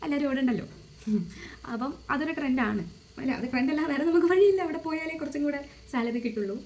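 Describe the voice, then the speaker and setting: A woman's voice: high-pitched, lively intonation, fast talker, darkish tone. A young adult woman hosting a casual talk on psychology, slipping English words into her speech and asking rhetorical questions.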